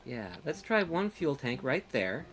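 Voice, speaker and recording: A woman live-streaming a game, animated and joking, often scolding chat and stumbling over repeated words. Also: low voice, a little slow, slight background noise. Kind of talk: casual live-stream chat while playing.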